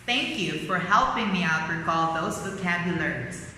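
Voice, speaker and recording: A man's voice: high voice, moderate pace, bright, forceful tone. A man teaching young children vocabulary, prompting them and drawing out the model answers. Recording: echoey hall, distant mic, faint noise.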